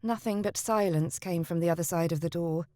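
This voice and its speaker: A woman reading a novel aloud in steady, scripted narration. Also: fairly low pitch, brisk, no echo, clean studio sound. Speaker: audiobook narrator.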